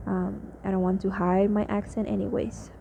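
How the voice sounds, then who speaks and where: This Spanish-speaking vlogger from Mexico talks casually in English with a Mexican accent for a diary entry, tired and faltering with frequent fillers and restarts. Her voice is mid-range, creaky, and dark, level in tone at normal speed, recorded in slightly dull lo-fi with faint noise.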